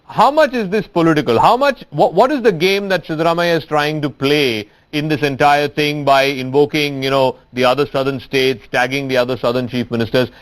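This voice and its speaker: A male news anchor moderates a heated panel from the studio. His voice is high for a man, and he presses his guests with pointed questions. He cuts in again and again to steer the debate. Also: a little fast, hardly any pauses.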